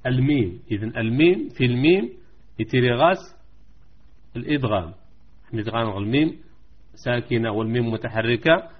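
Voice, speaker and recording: A man teaching Quran recitation rules in a live online lesson, repeating points slowly and chanting verses. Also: mid-range voice, slightly rough, phone-quality sound.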